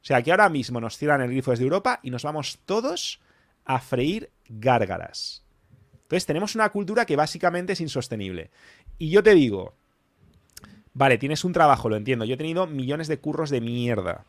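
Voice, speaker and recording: A man's voice: medium pitch, very animated, a little fast, dry recording, clean studio sound. A man from Spain with a Valencian accent, hosting a casual podcast chat in a blunt, emphatic manner, swearing freely. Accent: Valencian Spanish. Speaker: podcast host.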